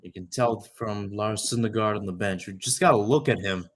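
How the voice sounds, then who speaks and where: A young adult man calls soccer play-by-play in live radio style, in a lowish voice at a moderate pace. He keeps drifting into rambling, conversational asides and correcting himself along the way.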